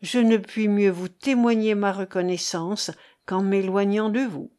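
A woman's voice: mid-range voice, fairly even intonation, measured pace, darkish tone, close to an everyday voice. A woman reading the part of an old male harper who is guilt-haunted, fearful and pleading, within a storybook narration. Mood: anguished pleading. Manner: anguished, pleading.

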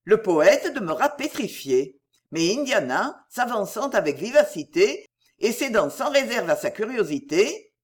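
A narrator reading a classic novel aloud in an expressive, even-paced style. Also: medium pitch, unhurried, slightly rough. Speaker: audiobook narrator.

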